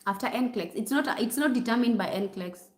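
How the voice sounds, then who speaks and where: A woman's voice: a little high, lively intonation, a little fast. A woman with a Kenyan accent chats with her livestream viewers, answering their questions one by one. She is casual and talkative and sprinkles in Swahili phrases. The recording carries a noticeable room echo. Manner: chatty, mixing in Swahili phrases. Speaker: nurse. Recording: roomy echo.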